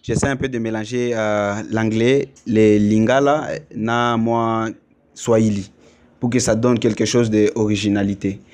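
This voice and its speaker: A man's voice: lowish voice, fairly even intonation, a little slow, a little mellow, slight background noise. A man from Congo, a musician, talking about his music in a casual interview, thinking aloud with many fillers. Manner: thoughtful, explains at length with fillers. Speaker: musician guest.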